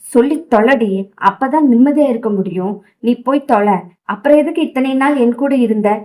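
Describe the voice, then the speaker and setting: A woman's voice: on the high side, a little fast, a little mellow, close to an everyday voice. A woman voicing a hurt, angry young husband who scolds bitterly. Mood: bitter scolding.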